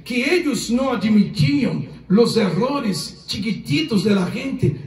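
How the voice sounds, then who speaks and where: Preacher, male, high voice, echoey church, distant mic. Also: darkish tone. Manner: mixes Spanish and Portuguese, calls the congregation to repeat. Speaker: pastor. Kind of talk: sermon.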